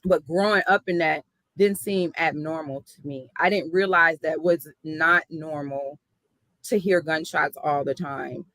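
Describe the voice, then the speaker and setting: A woman's voice: low voice, steady tone, measured pace, a bit bright, no room sound, rough recording. A woman from the South Side of Chicago, a hip hop artist telling her story in an earnest, reflective interview.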